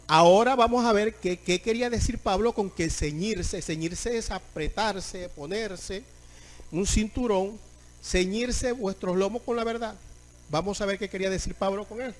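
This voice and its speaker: A man preaching a sermon, explaining scripture and calling on the congregation to repeat phrases and answer him. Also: high-pitched. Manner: reads scripture slowly, stressing each phrase. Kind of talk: sermon, Bible exposition.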